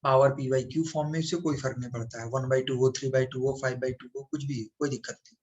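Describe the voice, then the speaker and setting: A man's voice: medium pitch, level tone, fast, darkish tone, dull audio. A man teaching a maths lesson. He asks the students questions and answers them himself, calling them "beta". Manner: calls the listener "beta", coaxing.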